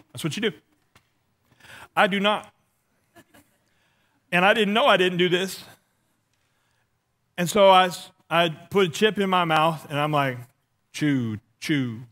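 A middle-aged pastor with a lisp and a high, fairly bright voice delivers a humorous sermon on a church stage. He walks and gestures while preaching, telling self-deprecating stories with acted-out dialogue.

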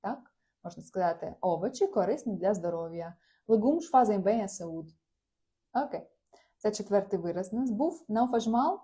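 A woman's voice: medium pitch, lively intonation, moderate pace, mellow. A woman teaching Portuguese in a live online lesson, explaining phrases patiently, reading out students' replies and laughing often.

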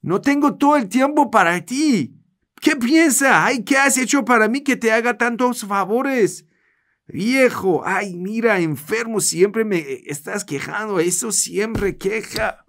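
A man's voice: sits high, slow, fairly bright tone, voice pushed up, heavily acted. A man with a Persian accent voicing an irritated grown son who snaps at his old father in whiny, exasperated complaints.

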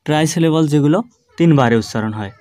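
A man teaching an online grammar lesson, explaining patiently and drawing words out slowly, syllable by syllable. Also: a little high, a little mellow, dry recording, studio quality. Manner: slow, drawn-out syllable-by-syllable demonstrations; patient, explanatory classroom delivery.

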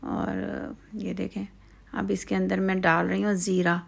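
A woman walks through a recipe in a relaxed, chatty cooking-tutorial way, stopping to fill the pauses as she goes. Her voice is strongly gravelly, and her pitch stays flat and even. She sounds like she is outdoors at night, filming on a phone. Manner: chatty step-by-step explaining with fillers. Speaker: home cooking channel host.

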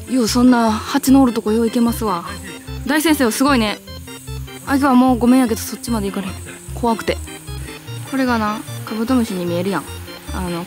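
A woman with a Kansai accent talks in a fairly high voice, chatty and jokey as she hunts bugs outdoors. She gets excitable and lets out frightened shrieks. Background music plays under the outdoor recording. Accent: Kansai Japanese. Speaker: vlogger. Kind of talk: casual outdoor bug-hunting vlog.

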